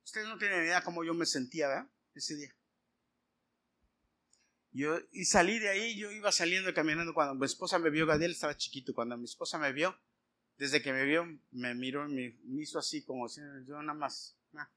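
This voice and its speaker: A man's voice: on the high side, a little fast. A middle-aged man, preaching a sermon as he tells a personal story and acts out the dialogue. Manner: animated storytelling, acting out dialogue.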